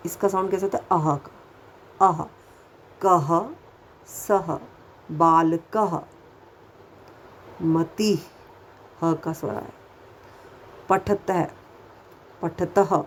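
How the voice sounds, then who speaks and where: She is a woman teaching a class of small children, and she talks slowly with a lower-pitched voice. She speaks patiently and repeats each sound, checking with questions as she goes. A faint background hiss sits under her voice in this phone-made recording. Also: a little mellow, low-quality recording. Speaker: Hindi teacher. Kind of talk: first-grade Hindi lesson.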